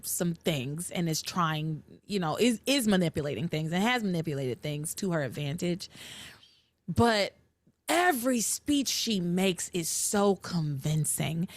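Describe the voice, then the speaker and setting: A woman's voice: on the low side, no room sound. A woman hosting a podcast, giving casual, emphatic recap commentary. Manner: animated, emphatic. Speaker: podcast host.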